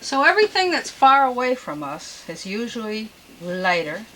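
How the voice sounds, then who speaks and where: Gentle woman painting instructor, noisy recording. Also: a little high, big pitch swings, normal speed. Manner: folksy, chatty asides with mild exclamations. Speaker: painting instructor and show host. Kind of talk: unscripted step-by-step painting demonstration.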